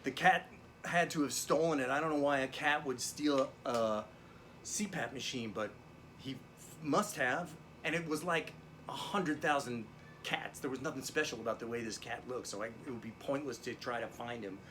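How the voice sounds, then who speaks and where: Over a video-call lesson, a man plays a down-on-his-luck drum teacher who rambles through a digressive, profane story in a comedic character monologue. His medium-pitched voice is fairly bright, natural, and at normal speed, with a little hiss or hum.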